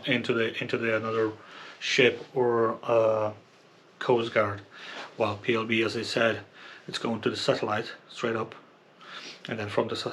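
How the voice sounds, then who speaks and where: A product reviewer and kayak angler, speaking indoors at home near a computer, gives an unscripted, casual review in a hesitant, meandering way, repeating himself often. His voice is lowish and a bit bright, with slight background noise.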